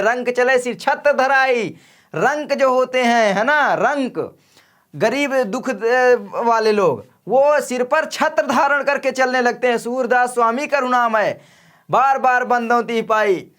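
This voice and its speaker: High-voiced teacher with a sore throat. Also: male voice, fairly bright tone. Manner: friendly, direct, calls students "my friend". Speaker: exam-prep teacher. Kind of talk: casual exam coaching lesson.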